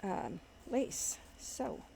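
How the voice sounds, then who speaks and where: A woman hosting a craft tutorial, thinking aloud in an unhurried way as she works at her desk, with soft asides. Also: a little hiss or hum. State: yawning, warm. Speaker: crafting channel host. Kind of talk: casual craft tutorial chat.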